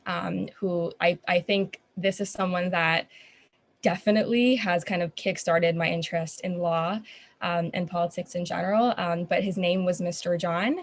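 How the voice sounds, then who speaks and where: A woman's voice: fairly low pitch, steady tone, normal speed. Chatty young woman from Qatar. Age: young adult. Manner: earnest, chatty, frequent ums. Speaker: guest, student founder of an organization. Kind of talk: interview.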